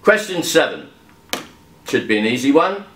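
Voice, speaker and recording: A man's voice: medium pitch, sing-song, normal speed, fairly bright tone, a little hiss or hum. A man hosting a quiz, reading out the questions with chatty, wry asides between them. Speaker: quiz host. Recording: echoey room.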